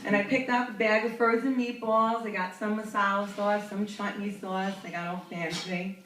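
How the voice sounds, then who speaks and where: Her mid-range voice stays level and moves at a normal speed as this young New York comic tells a self-deprecating story on a club stage. She chats easily, laughs through her punchlines, and is picked up by a distant mic in a roomy, noisy venue.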